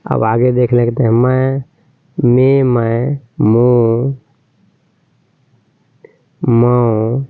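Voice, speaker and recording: A man's voice: mid-range voice, little pitch movement, drawn-out words, gravelly, pauses often, clean tone, no echo. A man teaching children to spell names, drawing out each syllable and often checking that they understood. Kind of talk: slow, spelled-out lesson. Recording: tinny phone-like sound.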